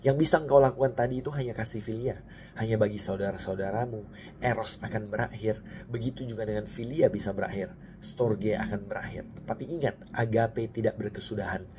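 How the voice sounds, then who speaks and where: A man giving a devotional sermon, reading scripture and speaking earnestly to the listener, dropping softly for quoted prayers. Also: lowish voice, fairly even intonation, a little fast, background noise. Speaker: preacher.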